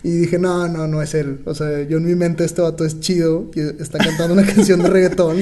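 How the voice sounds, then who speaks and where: A man, co-hosting a podcast and telling stories in an animated way, laughing often. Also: fairly high pitch, fairly quick, noisy background. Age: 20s. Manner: animated storyteller, laughs often, many fillers. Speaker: podcast co-host. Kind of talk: casual podcast conversation.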